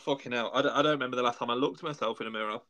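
A man's voice: mid-range voice, very fast, sharp tone, dull audio, slight background noise. A man, a guest co-host in casual podcast chat, sarcastic and swearing a lot.

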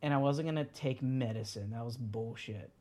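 As a guest on a podcast, a man in his thirties chats casually in a warm, mid-range voice at normal speed. He rambles, with plenty of fillers and restarts.

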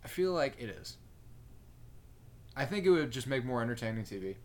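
A man's voice: medium pitch, very animated, brisk. A man co-hosting a podcast in casual chat, recapping and analyzing eagerly and asking questions. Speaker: podcast co-host.

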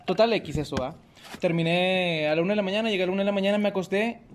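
A young man with a Mexican Spanish accent, telling a story in casual, slangy talk and acting out the shouts and quotes. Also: high voice, steady tone, racing, a little hiss or hum.

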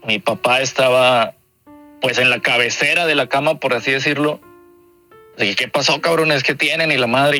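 Slangy Mexican man, very bright voice. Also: medium pitch. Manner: slangy, swearing, says "güey" constantly. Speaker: podcast guest. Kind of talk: casual storytelling.

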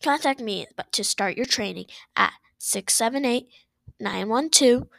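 Woman as scheming tomcat villain, slow and high. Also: creaky, fairly bright tone, no echo. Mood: sly sales pitch. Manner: pleading then sly, stumbling over words. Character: scheming male villain cat leader, pushy.

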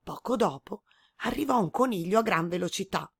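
A woman storyteller reading a children's story aloud in a gentle, measured way. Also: mid-range voice, lively intonation, husky.

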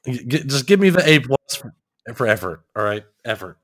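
A man's voice: medium pitch, sing-song, normal speed, a bit bright. A man co-hosting a podcast, joking at his own expense and laughing often in easy chat. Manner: self-deprecating, laughing, joking. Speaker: podcast co-host.

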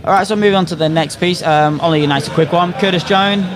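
A man's voice: high voice, fast. Sweary man hosting a football chat, crowd behind. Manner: sweary, opinionated. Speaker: podcast host.

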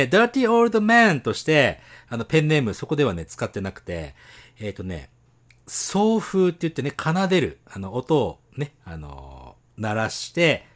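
A man co-hosting a casual podcast chat, animated and teasing, laughing often. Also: medium pitch. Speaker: podcast co-host.

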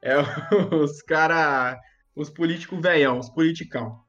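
A man's voice: on the high side, a little slow, fairly bright tone, muffled recording. A young man with a Brazilian accent in casual chat, slangy and emphatic, often repeating his words. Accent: Brazilian Portuguese.

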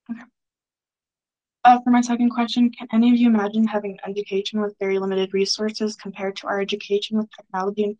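A woman leading a student book discussion summarizes chapters, pausing often and hesitating with plenty of filler sounds. Her mid-range voice stays flat and even in pitch, and the audio quality is poor.

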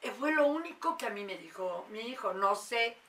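A woman, a mother telling a paranormal story in casual, animated talk. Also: a little high, moderate pace, recorded from a distance, a little hiss or hum. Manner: animated, acts out quoted voices.

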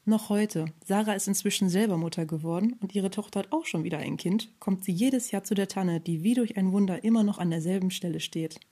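Husky woman reading a bedtime story. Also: medium pitch, fairly quick, few pauses. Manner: calm, gentle storybook reading. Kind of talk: reading a children's Christmas story aloud.

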